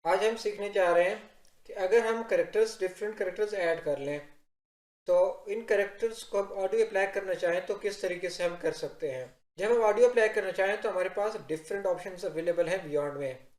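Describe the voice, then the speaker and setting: A man's voice: high-pitched, moderate pace, darkish tone. Man narrating a tutorial in a roomy echo. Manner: explains step by step, addressing viewers directly. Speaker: software tutorial instructor. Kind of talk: instructional screen-recording narration. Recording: roomy, echoing voice-over.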